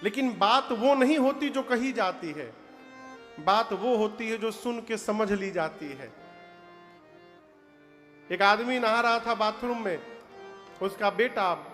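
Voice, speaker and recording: A man's voice: high-pitched, slow, pauses often, fairly bright tone. A male preacher with an eastern Uttar Pradesh accent tells a devotional story in sermon style, sings verses, and calls on the audience to answer aloud. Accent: eastern Uttar Pradesh (Purvanchal) Hindi. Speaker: Ram katha preacher. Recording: long hall reverb with devotional music behind.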